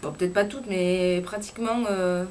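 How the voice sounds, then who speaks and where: A young woman with a southwest French accent from Lot-et-Garonne, chatting casually and frankly to her camera with lots of filler pauses. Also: fairly low pitch, steady tone, a little mellow, slight background noise. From Lot-et-Garonne, southwest France. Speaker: YouTuber. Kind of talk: casual chat vlog.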